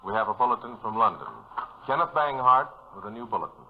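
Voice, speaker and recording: A man's voice: mid-range voice, animated, fast talker. Man on a muffled 1940s radio broadcast. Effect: old 1940s radio broadcast sound. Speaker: radio news reporter. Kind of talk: live radio news commentary.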